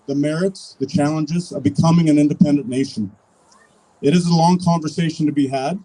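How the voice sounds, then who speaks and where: A man with a Canadian accent giving a political rally speech as an activist, in earnest, measured, declarative phrases. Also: fairly high pitch, mellow, rough recording. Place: public rally, speaking to an audience.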